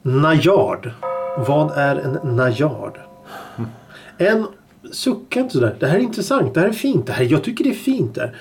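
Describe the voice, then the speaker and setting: Chatty middle-aged man, slightly high voice. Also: very animated, soft background music. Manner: chatty, explains at length with restarts. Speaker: podcast co-host. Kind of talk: casual chat.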